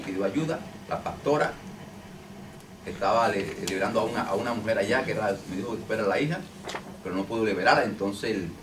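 A man, a deliverance minister, teaching a small group informally, repeating himself and checking in with "ok?" and "understand?". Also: on the low side. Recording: echoey room, distant mic, noisy.

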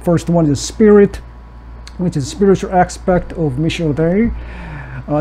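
A South Korean man with a high but dark voice gives an academic conference presentation as a missiology lecturer. He reads prepared text in a measured way with occasional restarts, and the rough recording has a little hiss or hum.

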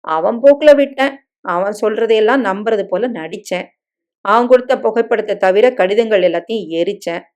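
A woman voicing a devoted young husband in a dramatic story reading, soft and coaxing in manner. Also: medium pitch, moderate pace, natural voice.

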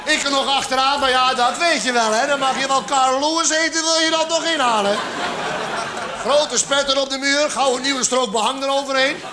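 A man performing a stand-up cabaret monologue on a theatre stage, acting out characters with sudden exaggerated shouts. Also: extremely high pitch, fairly even intonation, moderate pace, crowd noise. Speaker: comedian. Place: theatre stage with live audience. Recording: live theatre recording, audience laughter, background noise.

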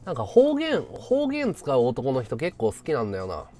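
A man's voice: medium pitch, huge pitch swings, moderate pace, warm tone. A man from Chiba chatting casually with his live-stream viewers, rambling and laughing at his own stories. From Chiba, Japan.

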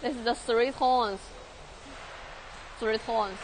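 A young Chinese woman touring a large factory workshop in halting English with a Chinese accent, repeating words and using many fillers, filmed on a handheld phone. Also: fairly high pitch, fairly even intonation, noisy background. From China. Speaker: factory tour guide. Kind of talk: live factory tour walkthrough. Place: large industrial workshop and outdoor factory yard.

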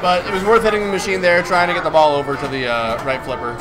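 A man's voice: sits high, steady tone, quick pace, a loud crowd, low-quality recording. A man giving casual livestream commentary on his own game as he plays. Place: indoor bar arcade. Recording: loud music in a busy arcade. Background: loud music.

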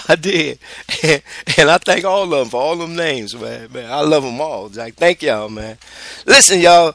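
A man hosting a casual radio show, animated and slangy, repeating himself as he talks to listeners. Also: fairly high pitch, no room sound. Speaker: radio DJ host.

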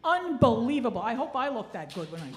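Woman in her sixties, stand-up comedian, slightly high voice, wry self-deprecating griping, Yiddish-inflected kvetching, noisy live stage recording. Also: very animated, brisk. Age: 60s. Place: theatre stage, indoors. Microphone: handheld stage microphone. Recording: live stage ambience with clear noise.

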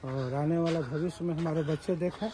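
A middle-aged man lays out his village's demands in an earnest, speech-like appeal. His voice sits high for a man. He is recorded outdoors on a phone, with clear ambient noise all around. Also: fairly even intonation, brisk, dark tone. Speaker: local villager making an appeal. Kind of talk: on-camera public appeal. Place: outdoors in a village compound by an old building. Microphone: handheld phone camera.

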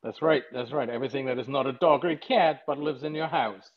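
A German-accented man, a veterinarian guest, talks fast in a mid-range voice during a casual video-call interview from his home living room. He tells jokey, chatty stories full of fillers. The webcam audio sounds slightly dull.

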